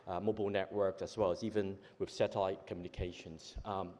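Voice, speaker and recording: Hong Kong executive at a podium, lowish voice, halting delivery, long hall reverb. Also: male voice, level tone, a little mellow. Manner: hesitant, many fillers and self-corrections. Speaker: conference speaker, company executive. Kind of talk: conference presentation. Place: large conference hall.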